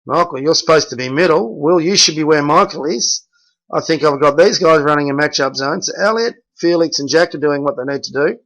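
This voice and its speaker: A man's voice: on the high side, fairly quick, fairly bright tone, rough recording. A middle-aged man, a basketball coach reviewing game film and bluntly correcting his players by name.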